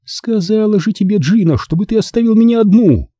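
A man reads as a tense, mocking young woman, her voice raised high and strained, swinging widely in pitch. The tone stays husky and dark underneath, in a dry, close reading for an audiobook. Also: animated, fairly quick, no echo. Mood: pleading. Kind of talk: audiobook character voice.

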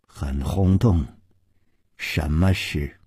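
A man voicing a cold, imperious woman who rules a martial sect, in a low, slow, menacing delivery with a husky edge. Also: a little mellow, dry recording, clean studio sound, heavily acted. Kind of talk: traditional storytelling broadcast.

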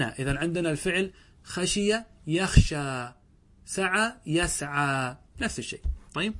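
A man teaching an Arabic grammar lesson. He asks his students questions, answers them himself, and slows down when quoting the text. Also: fairly high pitch, slight background noise.

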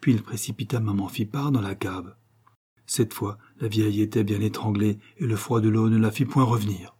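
Dark, husky male audiobook narrator. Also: fairly low pitch, steady tone, normal speed. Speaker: audiobook reader. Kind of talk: scripted narration.

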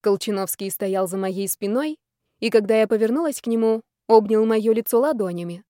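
A woman reading a first-person romance audiobook in a lively, expressive way. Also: medium pitch, normal speed, no echo, clean studio sound. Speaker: audiobook narrator.

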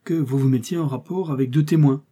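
A man's voice: medium pitch, a little fast, warm tone, breathy edge, lightly acted. A man reading the part of a severe, formal viscount acting as a duel second in an audiobook, speaking in an unbending manner.

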